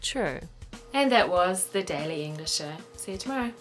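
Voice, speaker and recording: A woman hosting a show, reading out a true-or-false quiz in a deliberate, clear way. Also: on the low side, expressive, over loud music. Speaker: host. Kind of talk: quiz recap for learners.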